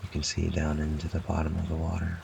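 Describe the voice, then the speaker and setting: A man narrating a guided relaxation meditation in a calm, soothing, measured way, with long pauses. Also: a bass voice, gravelly, noisy background.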